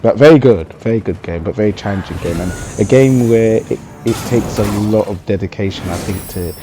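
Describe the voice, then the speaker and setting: His voice is on the low side with a dark tone, and his delivery is brisk. He's a gaming video commentator giving casual gameplay commentary, explanatory and chatty, often tagging on "you know", while music plays beneath.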